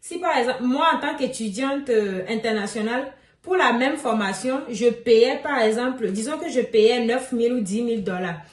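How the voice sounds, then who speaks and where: A woman's voice: on the high side, moderate pace, recorded from a distance. Chatty woman vlogger, echoey phone mic. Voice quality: crackly voice. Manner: chatty, laughs often, repeats key points. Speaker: immigration vlogger. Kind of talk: casual explainer vlog.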